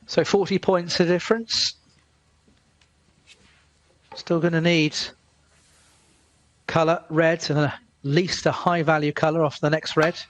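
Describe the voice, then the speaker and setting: A man giving live snooker commentary as a commentator, in measured short phrases with pauses. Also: on the high side, flat delivery.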